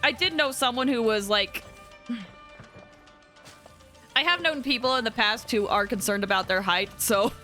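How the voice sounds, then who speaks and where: Young woman, game streamer, high bright voice, giggly, excitable, casual chat, faint music. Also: unhurried, long pauses. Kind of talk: casual live gameplay reaction chat.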